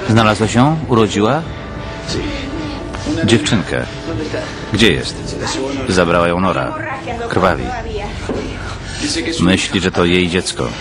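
A man reading every role of a dubbed drama as a single voice-over, at an even, unhurried pace. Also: deep voice. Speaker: voice-over reader of a dubbed series. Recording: loud music and crowd noise underneath. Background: original soundtrack with music and voices.

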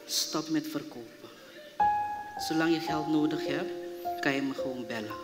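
A man playing a defensive young adult estranged from his mother, quick to bristle, in a live stage drama. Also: a little high, lightly acted. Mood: firm. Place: theatre stage. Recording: reverberant theatre hall with loud music.

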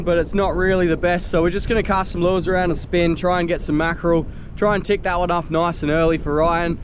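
A man's voice: sits high, background noise. A man in his thirties with an Australian accent, chatting casually to an action camera on a rocky coast. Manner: relaxed, chatty, with many fillers. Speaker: fishing vlogger. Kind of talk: casual outdoor vlog narration. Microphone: action camera held at arm's length.

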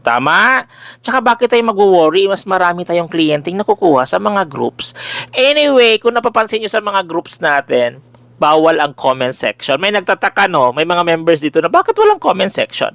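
A man with a big, loud voice who runs a folk-healing page, talking casually and animatedly to his followers with jokey exclamations. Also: sits high, lively intonation, moderate pace, vocal fry, no echo. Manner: chatty and exclamatory, switching between Tagalog and English, jokey asides. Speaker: folk healer selling remedies, page owner. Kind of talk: casual direct-to-camera address to followers.

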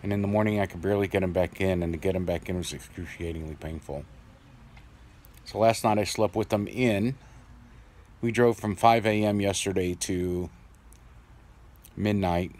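A man's voice: low voice, darkish tone. A middle-aged man speaking through new dentures with an occasional lisp, rambling casually with fillers in a video diary. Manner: plain-spoken, rambling, pausing with fillers. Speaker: vlogger.

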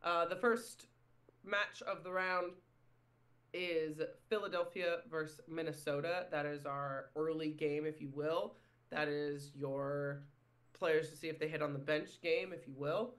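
A man's voice: on the high side, fairly even intonation, measured pace, a bit bright. A man hosting a casual sports podcast, chatty and self-deprecating, often saying "if you will". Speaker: podcast host.

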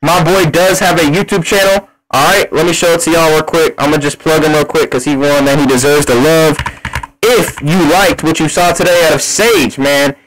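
A man's voice: fairly high pitch, normal speed, fairly bright tone, rough recording. A man hosting a livestream with a voice changer on his voice, hyping things up in loose slang and repeating himself. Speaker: livestream host. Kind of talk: hyped casual livestream talk.

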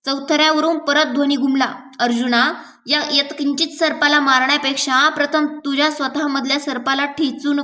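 A woman reading a novel aloud in a measured, gentle storytelling manner. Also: sits high, distant mic. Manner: measured, gentle storytelling with small slips and restarts. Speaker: audiobook reader.

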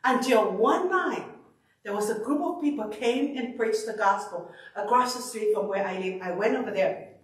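A middle-aged woman from Tonga preaching a sermon into a handheld mic in a church sanctuary, animated and emphatic, often repeating herself. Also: mid-range voice, normal speed. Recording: echoey hall, far from the camera.

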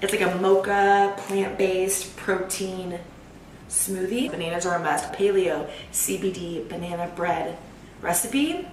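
A woman's voice: fairly low pitch, unhurried. Chatty young woman vlogging in an echoey kitchen. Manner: chatty, upbeat, says y'all. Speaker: lifestyle vlogger. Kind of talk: casual vlog chat. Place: home kitchen indoors. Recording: echoey room, mic at a distance, noisy.

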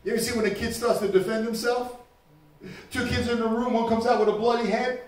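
A man preaching a sermon as pastor, moving between quiet talk and shouted preaching. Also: extremely high pitch, fairly even intonation, a little fast. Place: church. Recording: echoey church room, mic far off.

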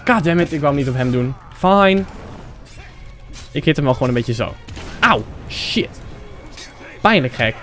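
A young Dutch man giving excitable let's-play commentary, swearing and shouting at the game. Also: fairly high pitch, brisk, pauses often. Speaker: gaming YouTuber. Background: game music.

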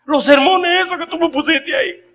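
A man's voice: lowish voice, moderate pace. A man acting out a remorseful grown man who repeats himself and stammers while crying. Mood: anguished. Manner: repetitive, stammering self-talk.

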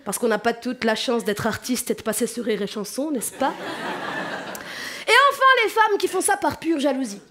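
A woman with a Paris-suburbs accent works a stand-up crowd in a high, bright voice. She talks fast and chatty, addressing the room directly. She is miked on a comedy stage. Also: expressive, background noise. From France. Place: comedy stage before a live audience.

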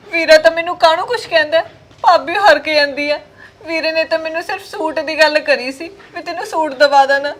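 An actress playing a gentle married daughter visiting her parents, soft-spoken and pleading with her brother and sister-in-law. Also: extremely high pitch.

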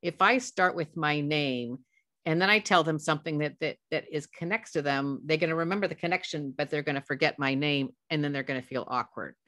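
Low-voiced woman presenting on a headset. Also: a little fast, fairly bright tone, no room sound, studio quality. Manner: conversational, anecdotal, self-corrects often. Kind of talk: professional development webinar talk.

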